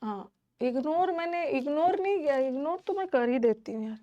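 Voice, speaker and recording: A woman's voice: sits high, animated, brisk, warm tone, muffled recording. A woman teaching an English class online, who scolds her students indignantly and mixes English words into her speech.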